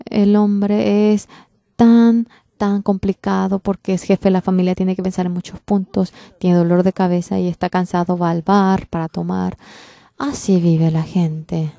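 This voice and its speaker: A woman interpreting a church sermon, preaching in an earnest, emphatic way with drawn-out stresses. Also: lowish voice, flat delivery, gravelly, dark tone, no echo. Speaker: interpreter for a pastor.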